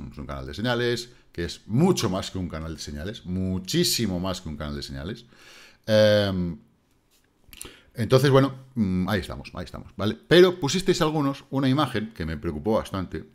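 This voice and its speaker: A man with a Spain Spanish accent giving casual crypto market commentary as host, blunt and mocking, swearing casually. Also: low-pitched. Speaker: crypto trading YouTuber. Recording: distant megaphone-shouted opening.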